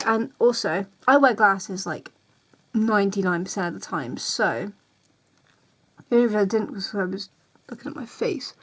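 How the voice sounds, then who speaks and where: With an expressive, medium-pitched voice, she talks at a moderate pace and pauses often. This woman in her 20s vlogs a casual rant straight to camera, chatty and rambling, going back over the same points and acting out how people reacted.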